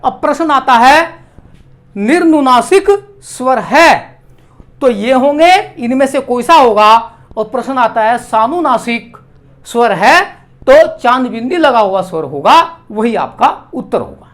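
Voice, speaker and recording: A man teaching a grammar lesson, slowly spelling out and repeating each vowel sound. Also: very high-pitched, lively intonation, a bit bright.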